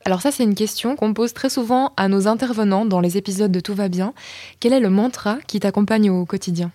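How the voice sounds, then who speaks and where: A woman podcast host putting friendly, measured questions to her guest. Her voice is mellow and warm, recorded dry and close with no room sound. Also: mid-range voice, no room sound. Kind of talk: interviewing a guest.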